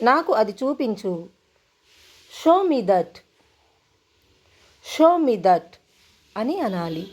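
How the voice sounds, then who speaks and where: A female English teacher gives a spoken English lesson in an unhurried, drill-like way. Her voice is fairly high and very expressive, and she repeats each phrase slowly, first in Telugu and then in English.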